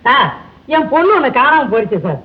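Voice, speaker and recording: A man's voice: very high voice, sing-song, quick pace, a little hiss or hum. An actor playing a worried father whose daughter has gone missing, with a fretful, wailing manner. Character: flustered fussy middle-aged father. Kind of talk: 1960s Tamil film comedy acting. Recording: dull old film soundtrack.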